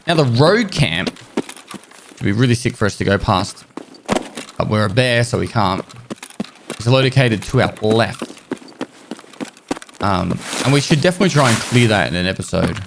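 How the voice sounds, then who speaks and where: A man's voice: on the low side, expressive, normal speed, creaky, long pauses. Casual man giving game commentary. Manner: casual, explanatory, swears now and then. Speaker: gaming streamer. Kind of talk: gameplay commentary with tips. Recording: loud game noise under voice.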